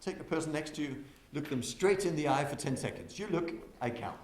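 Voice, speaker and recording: A man giving a lively conference talk to an audience, who keeps asking them questions and swings from loud to soft on purpose. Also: on the high side, a little fast. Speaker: conference speaker. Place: windowless conference hall. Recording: echoey hall with faint noise.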